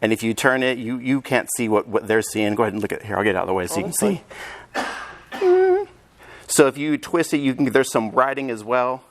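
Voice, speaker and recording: A man presenting a hands-on teacher training workshop, upbeat and energetic as he demonstrates to a room of teachers. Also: mid-range voice, a little fast. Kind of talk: live teacher training session. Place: conference room with audience.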